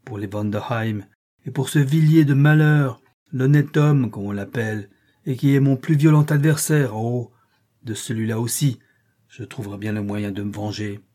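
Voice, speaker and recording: A man's voice: medium pitch, normal speed, warm tone, natural voice. A man voicing a haughty, vengeful male former business partner with a resentful manner in an audiobook reading. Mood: bitter.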